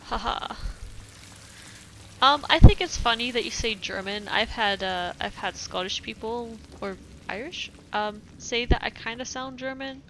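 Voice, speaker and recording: This young woman, British-born but raised elsewhere in Europe, speaks mixed European English while streaming a game, chatting casually, reading letters aloud, giggling often and using many fillers. Her fairly high, sharp voice moves unhurriedly. Music plays behind her, with a little hiss or hum.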